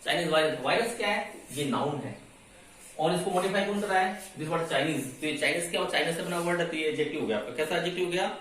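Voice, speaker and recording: A man teaches English grammar in a slightly high voice, posing questions to his students and answering them himself. His voice rings through a very echoey room and is picked up from some distance away, with faint room noise behind it. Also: fast talker, a bit bright. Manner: explains step by step, asks and answers his own questions. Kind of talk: classroom grammar lesson.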